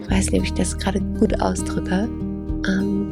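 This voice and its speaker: A woman reading a story aloud and then reflecting gently as host, soft-spoken and unhurried, in a yoga studio. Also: medium pitch, completely flat delivery, creaky, over loud music.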